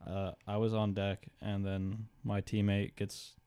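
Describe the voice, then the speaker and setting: A young man in casual chat with a flat, dry delivery. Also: lowish voice, unhurried, smooth, dry recording.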